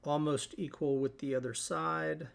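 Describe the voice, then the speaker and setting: A man hosting a live painting stream, talking through each step in a relaxed way as he works. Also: on the high side, unhurried, vocal fry. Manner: relaxed, thinking aloud while working. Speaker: host.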